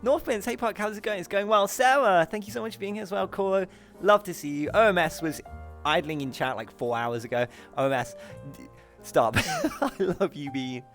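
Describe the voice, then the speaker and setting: A man with a fairly high, swooping voice hosts a casual live stream. He is excitable and giggly as he chats with viewers, and his r's come out as w's. Faint music plays behind him. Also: moderate pace. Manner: says w for r. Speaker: host of a live streamed show.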